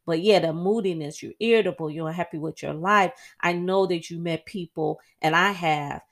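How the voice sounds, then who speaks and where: A middle-aged woman with a fairly low-pitched voice talks on her own as a podcast host. She is chatty and animated, and her voice springs up high whenever she acts out a quoted aside. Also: moderate pace. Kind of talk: casual solo podcast monologue.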